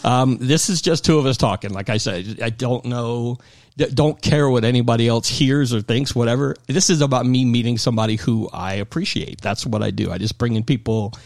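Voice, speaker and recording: A man hosts a relaxed interview in a chatty, self-deprecating way and drifts into stories of his own. His voice sits at an ordinary middle pitch. The sound is close and dry, with no room around it. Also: fairly quick, gravelly, no echo. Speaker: podcast host. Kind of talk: casual conversational interview.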